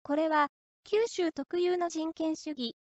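Woman narrator, scripted horror story reading, steady storytelling, high voice, dull dry recording. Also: slow, dry recording.

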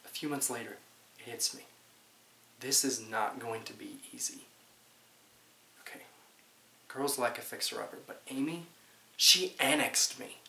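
A young American man in his twenties acting a dramatic monologue as a bitter, aggrieved man who says he was framed, defensive and halting. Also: mid-range voice, gravelly, pushed and bright, full character voice. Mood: exasperated, wry. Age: 20s. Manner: defensive, emphatic, swearing, halting. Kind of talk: dramatic monologue, naturalistic audition-style acting. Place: small plain indoor room. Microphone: camera mic a few feet away. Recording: roomy home recording with hiss.

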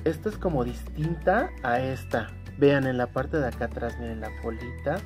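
With a medium-pitched, slightly mellow voice at a moderate pace, a man hosts a casual toy unboxing for viewers over background music. He breaks into delighted exclamations and loves cute diminutives.

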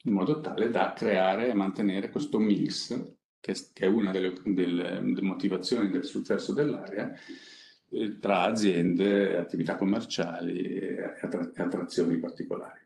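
A middle-aged man presenting a project on a panel, speaking off the cuff in a halting, conversational way with frequent pauses. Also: low voice, fairly even intonation, vocal fry, a little mellow, slight background noise. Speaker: company innovation director presenting a project. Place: conference room seated at a panel table. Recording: echoey conference room.

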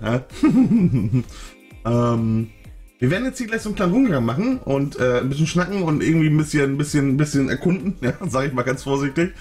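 A man's voice: medium pitch, darkish tone. A man hosting a gaming livestream, chatting loosely and upbeat with lots of fillers and chuckles. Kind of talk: casual livestream chat.

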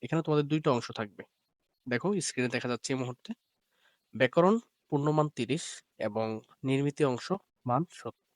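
A man's voice: medium pitch, fairly quick, pauses often, dry recording. A man teaching an exam preparation lesson, reading out questions and word lists with filler sounds. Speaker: online madrasah teacher.

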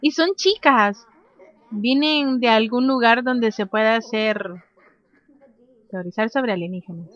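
A woman giving casual let's-play commentary, chatting and reading game options aloud, breaking into excited shrieks. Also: on the high side, unhurried, long pauses, dry recording, muffled recording. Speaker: gameplay commentator.

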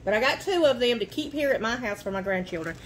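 A woman's voice: a little high, lively intonation, fast talker, slight background noise. A woman, chatting folksily from her living room as she shows off her thrift finds to the camera. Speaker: vlogger showing a thrift haul. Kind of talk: casual show and tell.

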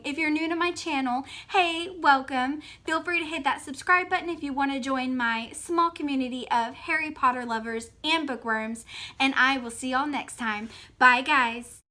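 A woman hosting a casual unboxing vlog, gushing and giggling, often muttering softly to herself as she opens things. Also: high voice. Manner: excitable, giggly, gushing exclamations. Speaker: channel host.

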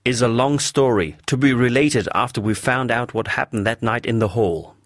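A man's voice: medium pitch, moderate pace, a bit bright, no echo, clean studio sound, natural voice. A man playing a wry, genial detective. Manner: polite, wry, jovial. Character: polite, genial Scotland Yard detective, man.

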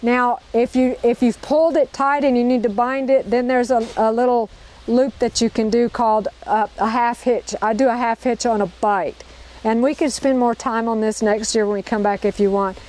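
Giving a hands-on lesson in a park, a knot-tying instructor speaks at normal speed in a fairly high, darkish voice with a steady tone. She keeps things upbeat, repeating each step and checking in with the group.

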